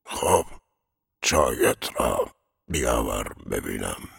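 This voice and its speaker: A man's voice: extremely low pitch, sing-song, gravelly, a bit bright, breathy edge, exaggerated voice. A man voicing a dying middle-aged man in pain, whispering his inner thoughts and giving curt, weary replies.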